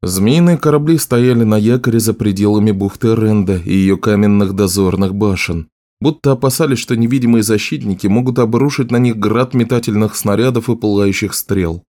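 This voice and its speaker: A man's voice: lowish voice, a little fast. Man narrating a fantasy audiobook. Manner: steady, even reading. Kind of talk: scripted narration.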